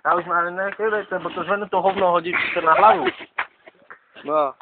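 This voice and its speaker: A man's voice: sits high, steady tone. A man, rambling in slangy street talk and tossing in "more", being interviewed outdoors at night on a handheld camera. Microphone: handheld camera mic. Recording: lo-fi noisy handheld camera audio.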